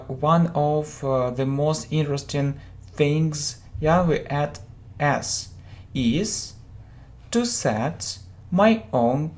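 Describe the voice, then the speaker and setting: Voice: mid-range voice, a little mellow. An English teacher giving a spoken vocabulary and grammar lesson, reading model sentences and then explaining them, often checking in with "yeah?" and "okay?".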